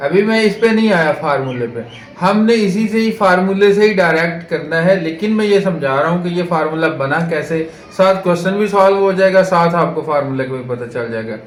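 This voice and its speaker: Speaking fairly quickly and with few pauses, a high-voiced man from Pakistan teaches math at the board. He breaks each exercise into steps and throws in rhetorical questions. Faint noise and echo fill the room.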